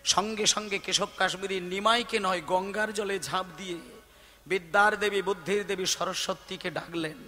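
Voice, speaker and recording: A man's voice: fairly even intonation, moderate pace, big-room sound. A man preaching at a devotional gathering, telling a religious story dramatically and acting out the characters' speech. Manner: dramatic, acts out characters' speech with big swings in pitch and loudness. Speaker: kirtan singer and preacher.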